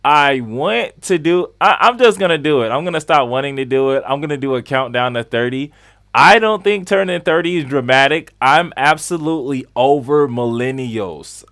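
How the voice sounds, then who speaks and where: Clean studio sound with no echo carries this skate coach's mid-range voice, which has a fairly bright, clean tone. In his late twenties, he runs a laid-back live-stream Q&A, chatting, repeating phrases for emphasis and calling out viewers by name as he goes.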